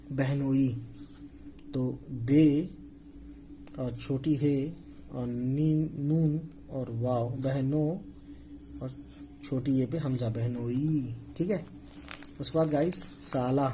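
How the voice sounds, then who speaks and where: A man's mellow, mid-range voice comes through a low-quality recording with faint hiss or hum. He teaches how to write Urdu words in a relaxed spoken lesson, moving slowly, spelling every letter out loud and repeating "okay" often.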